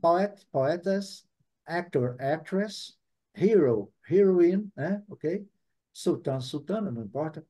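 A man with a Brazilian Portuguese accent teaching a live online English class, chatty and often adding quick tag questions. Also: on the high side, expressive, dark tone.

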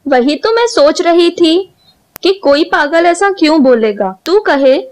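A woman's voice: high-pitched, lively intonation, unhurried. A young woman acting in an amateur Hindi short film, talking bluntly with a friend. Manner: brash, confrontational.

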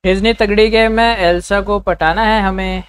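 A man livestreaming and bantering with his chat, with a sore, hoarse throat and a teasing, foul-mouthed manner. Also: high-pitched, steady tone, no echo. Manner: teasing, swears freely, quick comebacks. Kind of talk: casual live stream banter.

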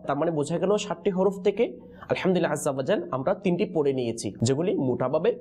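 A man teaching the pronunciation of Quranic letters in a lesson, pausing on questions so his students answer in chorus. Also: fairly high pitch, animated, warm tone. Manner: call-and-response teaching, prompting answers with questions.

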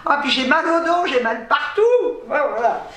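A woman's voice: high-pitched, moderate pace, bright, forceful tone, recorded from a distance. A tired woman telling a story to camera in a chatty, exasperated way, with laughing asides. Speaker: vlogger. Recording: very echoey room, off-mic.

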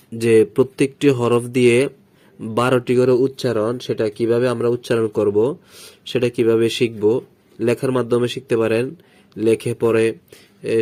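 A man teaching Quran letter pronunciation in a step-by-step lesson, slowly and patiently drilling syllables with repetition. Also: mid-range voice, darkish tone. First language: Bengali.

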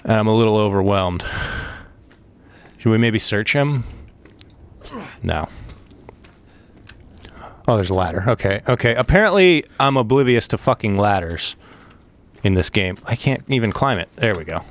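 Profane, excitable let's play man. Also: lowish voice, normal speed, long pauses. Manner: profane, excitable, rambling, with frequent outbursts. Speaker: gaming video host.

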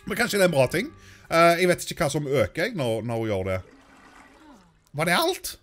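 A Norwegian man chatting casually through a let's-play, talking to his game characters and getting excitable. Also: fairly high pitch, soft background music. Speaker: gaming YouTuber.

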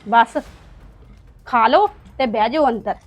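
A sharp-tongued, spiteful sister-in-law voiced by a woman grumbles with scorn. She mutters her complaints bitterly under her breath. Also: fairly high pitch, slow pace. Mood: resentful. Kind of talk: family drama acting.

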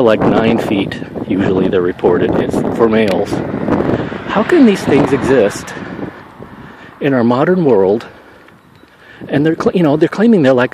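A man's voice: mid-range voice, background noise. A man vlogging as he walks outdoors with his dog, rambling and musing aloud with many fillers, a little out of breath. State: somewhat out of breath from walking. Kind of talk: casual walking vlog monologue.

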